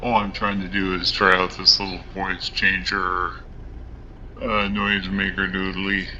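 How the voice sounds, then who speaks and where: A man's voice: low voice, completely flat delivery, unhurried, bright, forceful tone, muffled recording, a little hiss or hum. A man talking through a cheap voice changer that morphs his voice, muttering rambling asides during casual gameplay commentary. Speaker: gamer.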